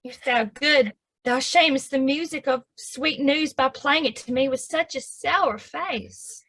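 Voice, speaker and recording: A woman's voice: high voice, a little slow, fairly bright tone. An actress playing an impatient young girl in love with a Southern US accent, pleading eagerly in verse. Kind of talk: stage acting of verse drama.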